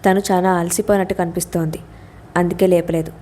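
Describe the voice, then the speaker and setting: A woman's voice: lowish voice, flat delivery, fast talker, warm tone, a little hiss or hum, close to an everyday voice. A woman voicing a curt, commanding young husband in an audio story.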